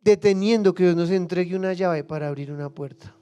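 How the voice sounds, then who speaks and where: Passionate preacher with a high, smooth voice. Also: male voice, brisk, muffled recording. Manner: passionate, swings from hushed asides to loud acted cries; acts out biblical figures and prayers in quoted voices. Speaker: pastor. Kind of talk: sermon.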